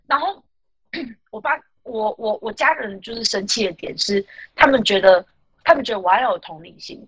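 A woman hosting a casual podcast chat, telling a story in an animated, indignant way with lots of fillers. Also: medium pitch, normal speed, slightly rough, low-quality recording. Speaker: podcast host.

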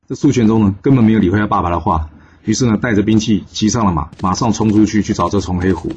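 A man's voice: lowish voice, quick pace, a little mellow, dull audio, slight background noise. A man telling a classic tale in a casual, chatty storytelling manner with many fillers. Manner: chatty, filler-heavy narration.

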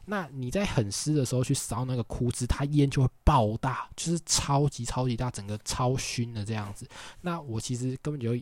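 A man's voice: medium pitch, a little fast, no room sound. Chatty young Taiwanese man vlogging. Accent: Taiwanese Mandarin. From Tainan, Taiwan. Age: young adult. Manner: chatty, rambling with filler words and asides. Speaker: vlogger on a walking trip around the island. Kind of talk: casual storytelling.

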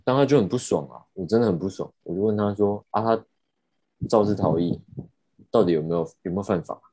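A young man, telling a story in casual podcast chat, animated and indignant, with casual swearing. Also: on the low side, quick pace, breathy edge, no echo. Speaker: podcast host.

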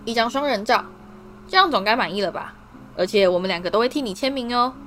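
A woman voicing a flamboyant, vain adult male teacher who speaks in a loud, hearty, beaming way. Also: very high-pitched, lively intonation, quick pace, faint music behind, exaggerated voice.

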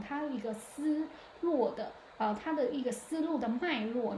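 A woman hosts a solo podcast in a relaxed, chatty monologue. Her voice sits a little on the high side, and she thinks aloud with frequent hesitations and restarts. The recording carries a noticeable room echo. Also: a little hiss or hum. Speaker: podcast host. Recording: echoey room.

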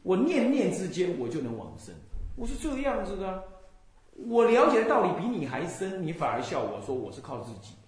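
A male Buddhist abbot giving a dharma talk with a high, lively voice that swings up and down. He scolds his listeners and mimics the people he criticizes. The sound is very echoey, as if recorded in a large bare room. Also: fairly quick. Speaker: Buddhist monk and temple abbot.

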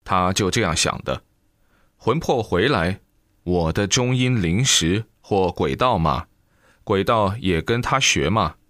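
A man with a fairly low voice reads a Buddhist book aloud, telling it as a lively story full of exclamations. The sound is dry and close, with no room around it. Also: a little slow, dry recording. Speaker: reader.

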